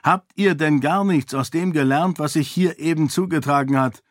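An earnest young prince pleads and persuades, as a man reading the book voices him. His voice lifts higher as he argues. The sound is dry and close. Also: normal speed, no echo, close to an everyday voice. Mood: urgent persuasion.

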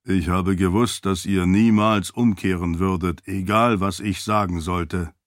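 A man's voice: low voice, steady tone, unhurried, dry recording, studio quality. A man voicing a loyal, polite spirit servant who speaks formally in an audiobook. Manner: formal, courteous.

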